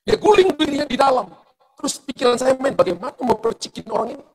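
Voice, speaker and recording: A middle-aged male pastor preaching a sermon in church, telling a story with lively testimony and speaking straight to the congregation. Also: extremely high pitch, fast talker, low-quality recording. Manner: animated storytelling testimony, addressing the congregation directly.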